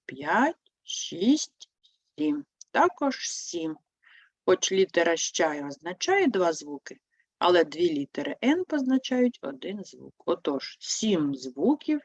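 A woman teaching a primary school language lesson, explaining step by step in a slow, clear manner and answering her own prompts. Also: fairly low pitch, a little mellow, dry recording. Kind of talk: online lesson for young pupils. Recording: dry, slightly dull sound.

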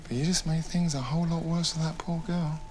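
An actor playing a loan shark with a mocking, threatening manner. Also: male voice, fairly high pitch, fairly even intonation, a little fast, background noise, natural voice. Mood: menacing. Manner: mocking, then cold and threatening. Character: menacing male loan shark boss.

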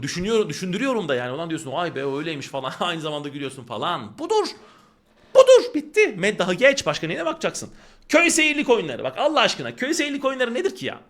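Male teacher, high bright voice, animated exam-prep lecture, emphatic. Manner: animated, emphatic, repeats warnings to the class. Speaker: literature teacher.

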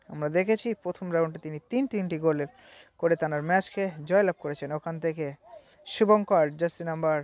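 A man with a high-pitched voice calls a local football match play by play. His commentary has an announcer's delivery, linking each move with repeated stock phrases. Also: no echo. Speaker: football commentator and channel host.

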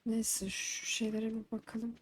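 A young female gaming streamer does live let's-play commentary on a farming game, chatting to the characters and erupting into exasperated complaints. Her voice is a little high, monotone and unhurried, with faint game music behind her and a little hiss or hum.

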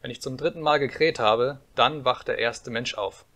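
A man's voice: medium pitch, moderate pace, bright, forceful tone. Man voicing a golden church rooster calling. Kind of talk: audiobook reading.

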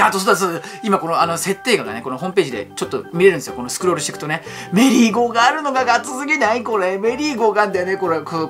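Excitable rapid-fire male fan host. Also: a little high. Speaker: YouTube fan channel host. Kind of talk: excited reaction commentary.

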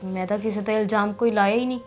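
A woman's voice: mid-range voice, fairly even intonation, very fast, faint music behind. A woman with a Punjabi accent acting a tired, long-suffering sister in a drama. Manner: weary and resigned. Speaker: actress playing a suffering sister.

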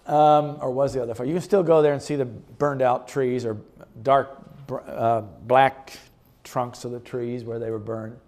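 A man giving a chatty, relaxed presentation about a health retreat to a church group, showing slides and chuckling often. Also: mid-range voice, measured pace. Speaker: guest speaker presenting a health retreat ministry. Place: church meeting room.

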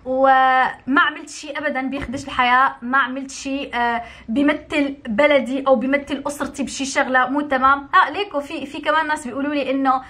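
A woman's voice: high-pitched, fairly even intonation, fast talker, bright, forceful tone. A young adult woman from Morocco, a YouTuber speaking her mind to camera, emphatic and indignant, repeating points for stress. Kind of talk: talking-to-camera opinion vlog.

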